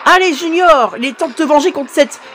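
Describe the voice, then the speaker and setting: A woman hosting a reaction video, excitedly cheering, swearing at the screen and turning hushed when moved. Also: high-pitched, quick pace, faint music behind. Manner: turns hushed and emotional at sad moments. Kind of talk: live reaction commentary.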